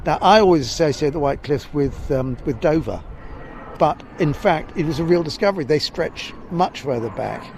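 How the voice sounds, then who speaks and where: Male walking guide, southern English, creaky voice, halting unscripted interview delivery, faint outdoor noise behind. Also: on the high side. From Essex, England. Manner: hesitant, discursive, stop-start. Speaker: walking guide and festival guest. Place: outdoors near a creek by the estuary. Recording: steady background noise, outdoors.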